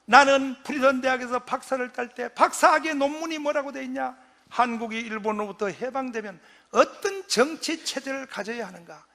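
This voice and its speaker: Shouting high-pitched gravelly pastor. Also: male voice, moderate pace. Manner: shouting, leads crowd chants; acts out quoted voices. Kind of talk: fiery patriotic lecture.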